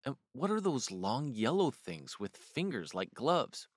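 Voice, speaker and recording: A man's voice: mid-range voice, sing-song, measured pace, dry recording, clean studio sound. A man reading a storybook aloud and voicing a polite, curious little farm girl asking earnest questions.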